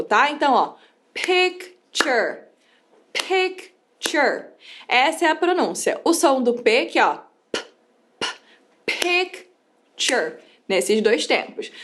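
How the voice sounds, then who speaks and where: A young woman from the United States, chatty and animated, giving a casual video lesson on English as a teacher. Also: sits high. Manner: chatty and animated, lots of fillers; lively, playful teaching tone.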